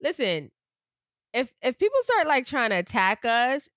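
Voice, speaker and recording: A woman's voice: on the high side, sing-song, measured pace, fairly bright tone, no room sound, studio quality. A young woman from Miami co-hosting a podcast, chatting casually and playfully with frequent laughter. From Miami, Florida. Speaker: podcast co-host. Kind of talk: casual chat.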